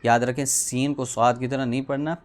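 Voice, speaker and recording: A Quran reading teacher drilling syllables one by one in a chanted, sing-song way, with quick quiet asides on pronunciation. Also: medium pitch, flat delivery. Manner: chanted, sing-song spelling of letters and vowel marks.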